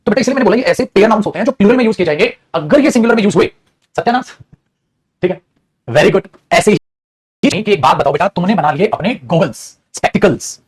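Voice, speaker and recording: A man teaching English grammar in an animated, teasing classroom style, often calling his students "beta". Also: high voice, quick pace, breathy edge. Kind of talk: lively classroom lecture. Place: studio.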